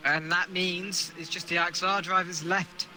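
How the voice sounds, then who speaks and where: A man co-commentating a sim race, speaking in halting, hesitant phrases. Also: high-pitched, little pitch movement, bright, forceful tone. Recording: noisy stream audio.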